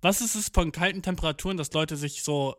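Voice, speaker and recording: Young man, comedic monologue, slangy and profane, English phrases mixed in, slightly high voice, dry close recording. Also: fairly quick, fairly bright tone, dry recording. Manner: slangy, swearing, mixes English phrases, acts out quotes.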